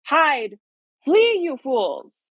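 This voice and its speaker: A commanding elf queen barks urgent orders, as a woman puts her on during a tabletop game. Her voice has a gravelly edge and sounds close and dry. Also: sits high, sing-song, very slow, no room sound, full character voice. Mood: alarmed.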